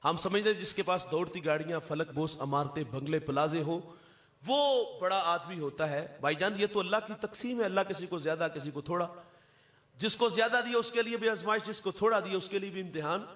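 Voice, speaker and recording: A man with a high, light voice preaches a sermon, telling stories with dramatic pauses. He recites lines of verse in a slow, lilting cadence. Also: fairly bright tone. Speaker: Islamic preacher.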